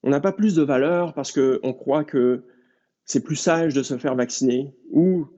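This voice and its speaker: Earnest preacher man, dark voice. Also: mid-range voice. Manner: earnest, measured, addressing listeners directly. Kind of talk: sermon. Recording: dull lo-fi recording.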